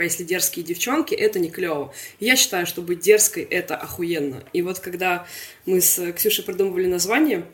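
A young woman co-hosting a casual podcast in informal, slangy speech with some swearing. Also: lowish voice. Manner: informal, swears, uses slangy filler words. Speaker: podcast co-host.

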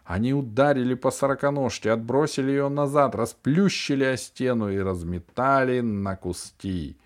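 A man reading a novel aloud as an audiobook narrator, telling it dramatically, slowing down and dropping his voice on the tense moments. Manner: dramatic storytelling, slowing and dropping low on suspenseful phrases. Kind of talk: scripted narration of a children's sci-fi novel.

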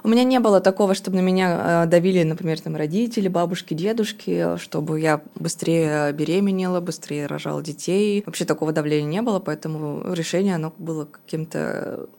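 Thirties woman co-host, lower voice, relaxed, thinks aloud with fillers. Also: brisk, vocal fry, few pauses. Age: 30s. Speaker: podcast co-host. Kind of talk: casual podcast chat.

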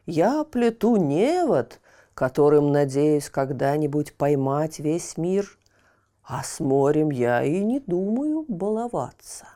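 A woman voicing a patient, dismissive hunchbacked old fisherman who lives on the moon in a storybook, slow and partly hushed. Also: deep voice, sing-song, pitched below the performer's own voice, full character voice. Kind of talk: storybook character voice.

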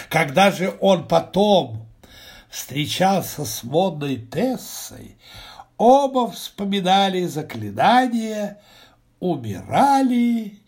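A man reading a classic tale aloud in measured, expressive scripted narration. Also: fairly high pitch, creaky, slightly rough. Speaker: reader.

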